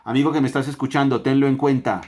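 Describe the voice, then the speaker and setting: A Colombian man gives a family Bible lesson at a middle pitch. He talks with emphasis, asks rhetorical questions and stacks phrases one after another. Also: fairly even intonation, fast talker, a little mellow. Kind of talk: family devotional teaching.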